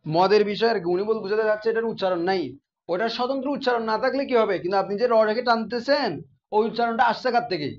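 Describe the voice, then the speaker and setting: A man's voice: high voice, quick pace, lo-fi sound. A man teaching a class, often asking his students questions and repeating the key terms. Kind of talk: classroom grammar lesson.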